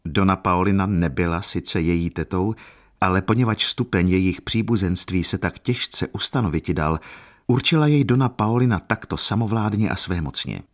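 A man narrating an audiobook in a measured, expressive storytelling manner. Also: deep voice.

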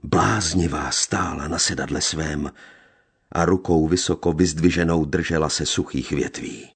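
A man reading a literary novel aloud with slow, solemn narration. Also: a bass voice, creaky, slightly rough. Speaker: audiobook narrator.

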